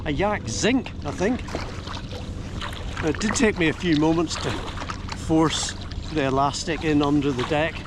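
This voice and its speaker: Older male vlogger, Ulster accent, slightly high-pitched, easygoing explainer, recorded outdoors with clear background noise. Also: a little slow, long pauses. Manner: easygoing, explanatory, with homely dialect words. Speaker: kayaking vlogger. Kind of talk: casual chat to camera while out kayaking. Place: outdoors by a slipway and on the sea in a kayak.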